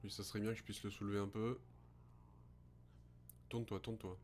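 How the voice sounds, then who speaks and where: A man's voice: lowish voice, fairly quick. A man commentating a horror game as a scared streamer, swearing and muttering to himself. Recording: steady background noise with hum.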